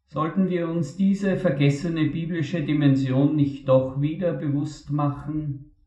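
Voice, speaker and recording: A man preaching a sermon, reading scripture in a slow, measured, solemn way. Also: fairly high pitch, steady tone, warm tone. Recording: muffled, roomy recording.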